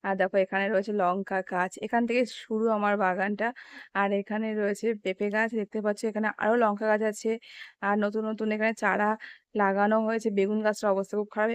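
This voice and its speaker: A young woman with a hoarse voice from a cold, chatting casually as she walks viewers through an overgrown garden. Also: mid-range voice, dry recording. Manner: chatty, pointing things out to viewers. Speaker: vlogger. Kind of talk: casual walking-tour vlog. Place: outdoors in a garden.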